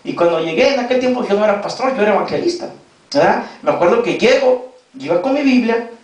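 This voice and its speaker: Preaching in a church hall, this Mexican-accented pastor recounts a personal story, his voice shifting sharply to stress key points. The high-pitched, expressive delivery is quick and a little mellow, recorded on a distant mic amid heavy echo.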